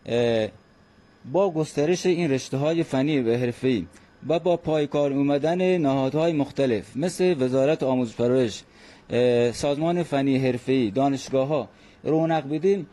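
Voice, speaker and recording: Mellow-voiced man speaking earnestly. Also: medium pitch. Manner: earnest, measured, frequent hesitant fillers. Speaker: guest expert. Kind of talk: formal radio interview.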